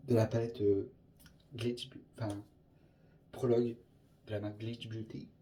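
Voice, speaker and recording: A man's voice: on the low side, little pitch movement, unhurried, dark tone, a little hiss or hum. A young man chatting casually through a makeup tutorial, rambling and scattered, dropping English filler words. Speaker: makeup vlogger.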